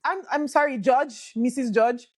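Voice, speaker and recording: A woman co-hosting a casual podcast, playful and jokey, quick with comebacks. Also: high-pitched, a little mellow, no echo. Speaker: podcast co-host.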